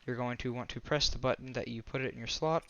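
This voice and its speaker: A man's voice: mid-range voice, steady tone, fast, fairly bright tone, dull audio. A man giving a casual voice-over game tutorial, rambling and often restarting or correcting himself. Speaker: gaming tutorial creator.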